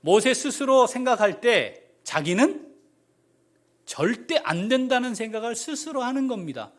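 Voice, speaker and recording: A man, the pastor, preaching a sermon with animated delivery, jumping from loud exclamations to quiet asides and questioning the congregation. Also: very high-pitched, unhurried.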